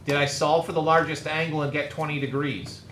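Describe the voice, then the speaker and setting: A male math teacher lecturing a class in a brisk, direct, teasing manner. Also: on the high side, flat delivery, fairly bright tone. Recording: echoey classroom, faint noise.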